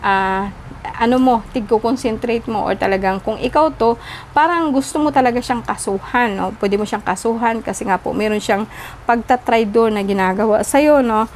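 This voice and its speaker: A woman's voice: on the high side, normal speed, a little hiss or hum. A woman giving a tarot reading straight to the viewer, courteous and chatty, mixing English phrases into her talk and ending almost every sentence with a questioning "no?". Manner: polite, tags nearly every sentence with a questioning "no?". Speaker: tarot reader.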